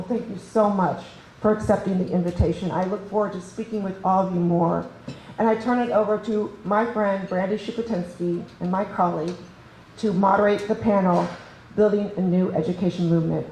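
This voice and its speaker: A woman hosting a conference delivers an enthusiastic, chatty welcome speech in a large conference room, laughing often. Her medium-pitched voice is warm, and the echoey event room adds faint ambience and slight background noise.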